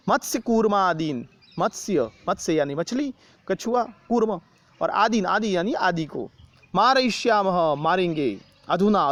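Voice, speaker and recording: A fairly high-pitched Indian man with a Rajasthani Hindi accent teaches a Sanskrit lesson, explaining each word in Hindi. He is patient, repeats terms and asks the student questions as he goes. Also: a bit bright.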